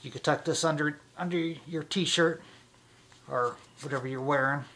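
A man talks through a fleece face mask, giving a casual product review with a bright, forceful voice. His delivery is halting, broken up by frequent filler pauses as he gathers his thoughts. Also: fairly high pitch, fairly even intonation.

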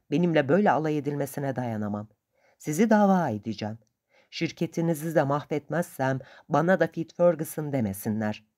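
Woman reading as a blustering, furious man. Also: low-pitched. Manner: loud, blustering threats. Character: red-faced, furious male dog owner, blustering.

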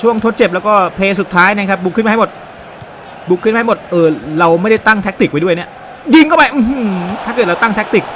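A man giving excited, animated play-by-play commentary on a football video game, with frequent exclamations and a Thai accent. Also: high-pitched, background noise. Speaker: gaming YouTuber.

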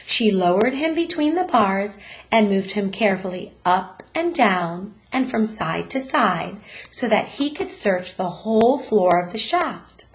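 A woman narrates a children's storybook in a teacher's read-aloud style. Her pace is slow and deliberate, her delivery expressive, her pitch middling. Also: rough recording.

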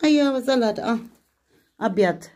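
A woman's voice: a little high, expressive, a little slow, warm tone. A woman vlogging casually on a village farm, chatting and coaxing animals while switching between languages. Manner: chatty, switching between German, English and Arabic.

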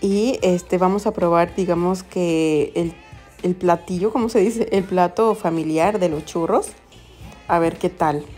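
Unhurried and mellow, her lowish voice carries over faint music. She's a young Mexican Spanish-accented vlogger chatting casually to viewers while walking a quiet town center and then sitting in a café, telling stories with plenty of giggles and exclamations.

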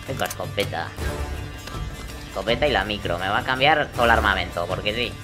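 A man casually commenting on a video game he is playing, excitable and swearing, talking to himself. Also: lowish voice, brisk. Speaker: gameplay commentator. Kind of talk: casual let's-play commentary. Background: game music and gunfire.

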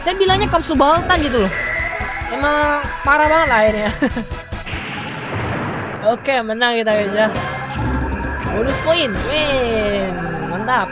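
High-voiced woman, gameplay chatter. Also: lively intonation, slow, long pauses. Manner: chatty, laughing, joking to viewers. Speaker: gaming channel host. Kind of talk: casual gameplay commentary. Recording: loud game music behind. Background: loud game music.

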